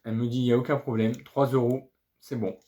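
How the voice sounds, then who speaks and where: A man's voice: mid-range voice, little pitch movement, quick pace, warm tone. A man talking casually in a vlog about things he found, chatty and upbeat, often restarting words and padding with fillers. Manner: chatty, hesitant, keeps restarting words and saying voilà; upbeat and pleased. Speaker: video game collector showing flea market finds.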